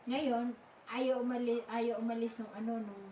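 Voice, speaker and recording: An older woman hosting a live stream, telling a story casually and haltingly, with many fillers and restarts. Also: a little high, fairly even intonation, mellow, a little hiss or hum. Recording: echoey room, mic at a distance.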